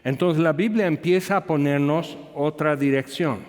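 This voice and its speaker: A man's voice: a little high, moderate pace, darkish tone, in a large hall. A man preaching a sermon, telling a personal story full of asides and questions to the congregation.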